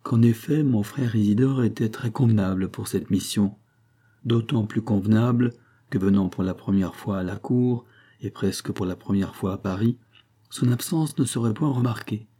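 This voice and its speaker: A man reading an audiobook and voicing a grave, loyal count who speaks in a measured, formal and earnest way. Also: lowish voice, warm tone, husky.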